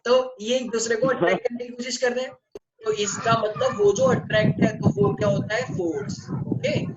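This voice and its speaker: A man's voice: very high voice, lively intonation, normal speed. A male physics teacher giving an online class lecture, mixing Hindi and English and constantly quizzing his students. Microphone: online class microphone. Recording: muffled online audio with faint noise.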